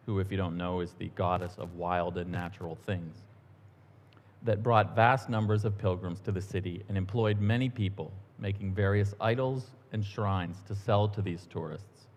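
A middle-aged man giving a relaxed, conversational sermon in church, telling stories with the odd um and aside. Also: low voice, normal speed. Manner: relaxed, storytelling, a few ums and asides. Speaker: church minister. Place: church sanctuary. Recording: long church-hall reverb.

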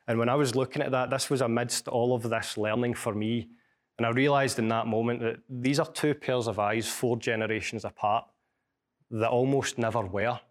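Here a Glasgow-accented author and lecturer from Scotland tells stories at a university seminar and reads aloud from his book. The tone stays steady in a mid-range voice, and the storytelling is measured, broken by small restarts.

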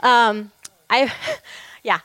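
A woman's voice: a little high, steady tone, drawn-out words, no echo. Candid woman sharing her testimony. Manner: candid, warm storytelling with light laughs. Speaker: ministry co-founder speaking to a church group. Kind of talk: heartfelt testimony talk.

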